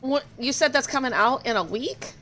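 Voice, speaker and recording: A woman's voice: sits high, lively intonation, normal speed, bright, forceful tone, slight background noise. A woman talking casually as she plays a video game, in the manner of a streamer. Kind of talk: casual gaming chat while playing.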